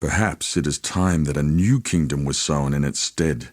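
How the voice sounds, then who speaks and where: Haku, deep solemn warrior. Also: male voice, no echo, clean studio sound. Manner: solemn, measured, formal storytelling delivery. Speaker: video game character. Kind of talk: dramatic scripted game dialogue.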